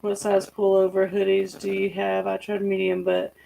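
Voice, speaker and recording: A woman co-hosting a casual livestream, reading viewer comments aloud in a plain, unhurried way. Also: mid-range voice, monotone, creaky, mellow, a little hiss or hum, low-quality recording.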